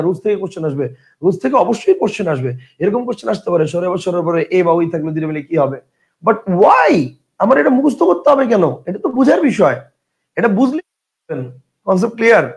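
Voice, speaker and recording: A man teaching a grammar lesson, explaining step by step with rhetorical questions, drawing out example words slowly and dropping in English words. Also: high-pitched, lively intonation, darkish tone.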